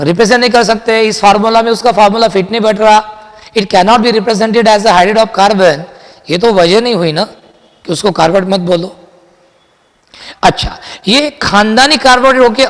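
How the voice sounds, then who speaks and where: A man teaching chemistry in a classroom lecture, mixing Hindi and English, asking and answering his own questions and repeating key sentences slowly for dictation. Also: high-pitched, in a large hall. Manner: addresses students as children, asks and answers his own questions.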